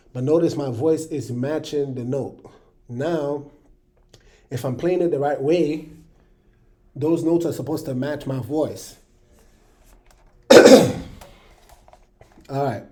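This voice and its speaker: A man teaching a casual online music lesson in a relaxed way, often checking in with his viewers. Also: fairly high pitch, slow, pauses often. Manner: relaxed, checks in with "all right, you guys".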